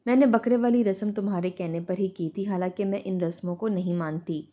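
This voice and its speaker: A woman's voice: medium pitch, fairly even intonation, lo-fi sound, lightly acted. A woman doing an anxious village mother. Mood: worried. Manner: pleading, fretful.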